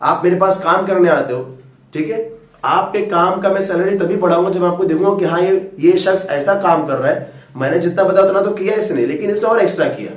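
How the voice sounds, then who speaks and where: A man's voice: sits high, brisk. Fatherly tutor, roomy and distant. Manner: fatherly, coaxing, calls listeners "beta". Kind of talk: motivational talk to students. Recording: roomy echo, far from mic.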